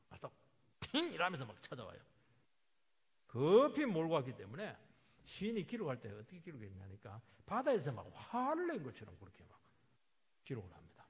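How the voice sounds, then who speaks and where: A male pastor delivers a sermon with a raspy, somewhat high voice. His pitch leaps wildly from hushed asides to ringing emphatic bursts. The long reverb of a church hall hangs on every phrase. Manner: vivid, dramatic storytelling with sudden emphatic outbursts.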